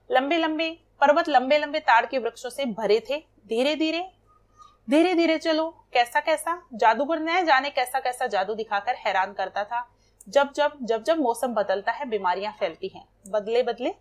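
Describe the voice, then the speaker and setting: Patient woman teaching Hindi to children. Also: on the high side. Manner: patient, repeats and spells out examples for children. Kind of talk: classroom lesson explaining exercises.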